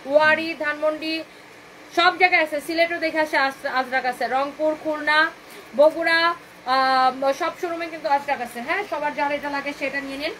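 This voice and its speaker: A woman hosting a live clothing sale, talking in a chatty, repetitive sales pitch, slipping English phrases in and bantering with viewers' comments. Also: steady tone, fairly quick, fairly bright tone, slight background noise, low-quality recording.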